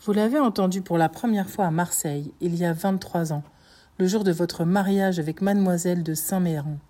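A woman voicing an implacable, vengeful male count in an audiobook, speaking in measured, solemn pronouncements. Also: lowish voice, warm tone, close to an everyday voice. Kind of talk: audiobook reading.

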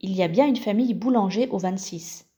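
A woman's voice: medium pitch, a little fast, warm tone, lightly acted. A woman reading as a teasing schoolboy friend. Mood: friendly. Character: teenage boy, cheerful and teasing friend.

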